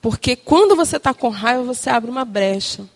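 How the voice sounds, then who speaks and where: Woman, young adult, high voice, casual animated church talk to women. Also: moderate pace. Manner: chatty and animated, tag questions and quoted asides. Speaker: church speaker addressing women. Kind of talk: informal sermon talk to a congregation.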